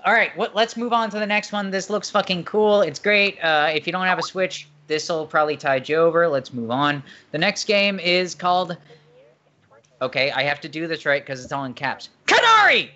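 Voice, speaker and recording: A man hosting a casual gaming chat, with a bright, forceful voice pitched a little high. He reads out game blurbs and swears freely. The stream audio is dull and lo-fi. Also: normal speed. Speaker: host.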